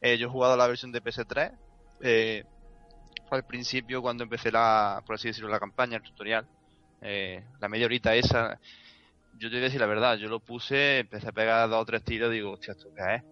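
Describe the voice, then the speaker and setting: Blunt guy cussing a bit about a game, dull lo-fi sound, music low behind. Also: flat delivery, a little fast, clean tone. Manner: frank, blunt opinions, swears casually. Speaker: podcast co-host. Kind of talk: casual chat.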